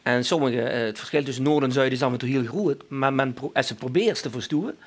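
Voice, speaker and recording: A man's voice: mid-range voice, fast. A male panelist with a Limburg accent talking casually, often circling back on his words. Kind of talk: casual discussion.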